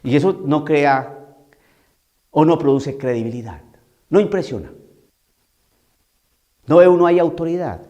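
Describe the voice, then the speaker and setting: Emphatic high-voiced priest preaching. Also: male voice, animated, unhurried, pauses often, warm tone, muffled recording. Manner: emphatic, repetitive, rhetorical questions. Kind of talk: homily.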